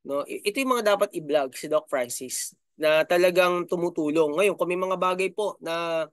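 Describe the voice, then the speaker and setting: A man's voice: on the high side, normal speed, no echo, studio quality. A middle-aged man from the Philippines hosting a channel in casual commentary, chatty and full of fillers and tag questions. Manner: chatty, filler-heavy, frequent "no?" and "di ba?". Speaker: YouTube channel host.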